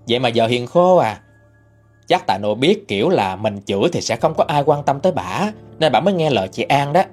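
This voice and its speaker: Man narrating a ghost story, husky, lively pitch, faint music under. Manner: chatty, conversational retelling.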